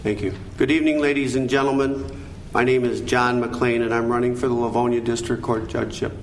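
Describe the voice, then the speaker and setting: An older American man speaking in a measured, earnest and formal way, as a candidate at a forum. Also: medium pitch, flat delivery. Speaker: judicial candidate, attorney. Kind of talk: formal prepared statements and answers at a candidate forum. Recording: echoey room, background noise.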